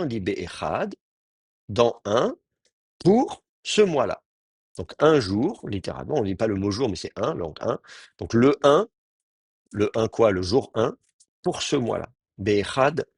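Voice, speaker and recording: A man's voice: lowish voice, breathy edge, no echo, studio quality. A man teaching an advanced Hebrew class, explaining grammar step by step with many fillers and restarts.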